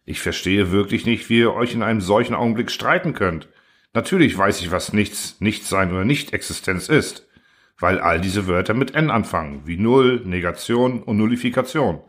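A man's voice: lowish voice, normal speed, a bit bright. A man reading an audiobook voices a vain, boastful thinking machine with a metallic, indifferent manner. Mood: smug. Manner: smug, indifferent, self-important.

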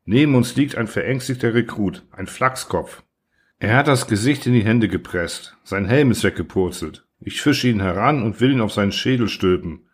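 A male audiobook narrator with a fairly low voice reads a story in a measured, somber way. His pacing is even and deliberate. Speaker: audiobook reader. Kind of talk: scripted literary narration.

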